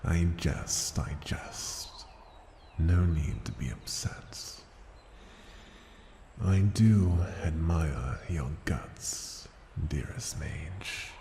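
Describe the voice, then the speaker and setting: A man plays an ancient, haughty dragon disguised as a human, giving it a full character voice that is very deep, dark, gravelly and breathy. His slow, theatrical ASMR roleplay is condescending and taunting, with long phrases sinking into seductive breathy murmurs, recorded in a reverberant hall with background ambience.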